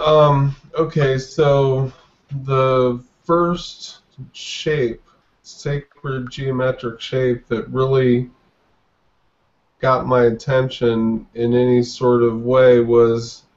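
A middle-aged man in his forties, appearing as a guest artist in a video call interview, speaks slowly and hesitantly, often restarting his sentences. His voice sits at a medium pitch with little movement. He's in a dim indoor room, picked up by a webcam that gives the audio a dull, lo-fi quality.

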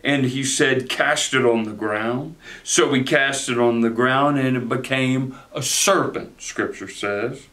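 A man in his forties, a pastor preaching a sermon from a chair in a study, animated and gesturing, often repeating words as he starts a phrase. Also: mid-range voice, takes it slowly, few pauses. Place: study with bookshelves, indoors.

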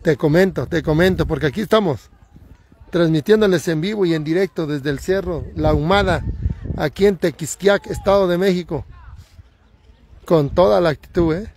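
Filming on a phone at a hillside race course, a Mexican-accented livestream commentator excitedly calls the action, returning again and again to his warnings and catchphrases. He speaks at a normal pace in a slightly high voice, with a bit of hiss or hum on the recording.

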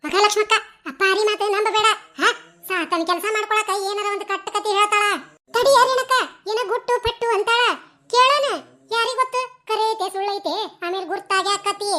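A stingy, teasing village auntie from a cartoon comedy, voiced by a woman, speaks with a North Karnataka Kannada accent. Her voice sits extremely high, and the tone is bright and sharp. She banters and laughs, and her speech stumbles into stammers when she gets cornered. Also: a little fast. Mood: mocking.

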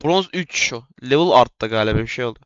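A young man commentating his own gameplay in a casual way, excitable and trash-talking, jumping from yelling to muttering. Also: mid-range voice, clear, resonant tone, no echo, highs cut off. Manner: excitable, yelling and trash-talking, quick swings from loud to mumbling. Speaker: gaming YouTuber.

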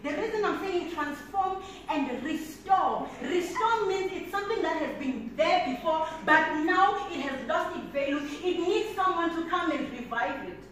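A South African woman in her twenties delivers a motivational keynote in a large indoor conference hall, her very high, slightly bright voice animated and unhurried with few pauses. She paces the floor and gestures, using emphatic, preacherly repetition. Her handheld mic is picked up by a distant camera, so the audio is echoey and far off, with background noise.

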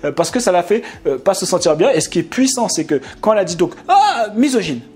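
A man's voice: high-pitched, fast, slightly rough. A man, talking casually to his viewers, acting out little exchanges and laughing often. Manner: animated, acts out quoted voices, laughs often. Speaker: YouTube channel host. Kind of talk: casual monologue to camera.

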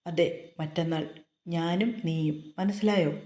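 A woman's voice: lowish voice, moderate pace, mellow, natural voice. Woman doing a curt, scolding young husband. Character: short-tempered young man, curt husband. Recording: roomy echo.

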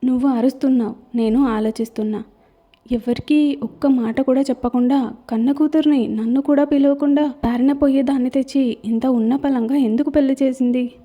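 A woman voicing an angry middle-aged mother who shouts and demands answers in a storybook reading. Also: sits high, fairly even intonation, normal speed.

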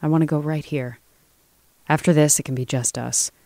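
A woman reading a story, voicing a fierce, frightened young woman who pleads and shouts. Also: low voice, fairly even intonation, moderate pace, dry recording. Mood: tender. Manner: pleading, then screaming.

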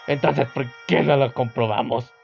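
A person voicing a gruff, threatening purple monster girl with a curt, menacing manner in a video game. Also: medium pitch, steady tone, moderate pace, muffled recording, faint music behind, natural voice. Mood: irritated, threatening.

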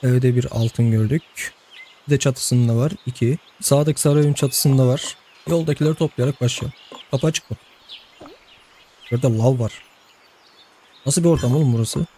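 A man's voice: medium pitch, normal speed, pauses often, warm tone, a little hiss or hum. A young man giving casual let's-play commentary, chatting to the game's characters and laughing often. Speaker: gameplay host.

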